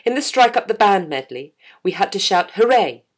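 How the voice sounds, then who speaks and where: A woman, a choir singer, reading a wry, measured account of rehearsals for a concert. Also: mid-range voice, big pitch swings, husky. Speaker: choir singer telling a story. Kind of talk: scripted narration.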